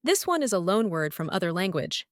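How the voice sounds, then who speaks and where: A woman's voice: lowish voice, big pitch swings, a little fast, no echo, studio quality. A woman with a Lithuanian accent teaching English pronunciation, saying each example word several times. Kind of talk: pronunciation lesson, repeating example words.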